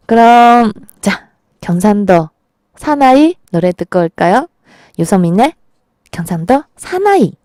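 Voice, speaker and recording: A woman's voice: mid-range voice, mellow, no echo, studio quality. A woman hosting a small local radio show, chatting casually with listeners and laughing often between lines. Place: small radio studio at a market.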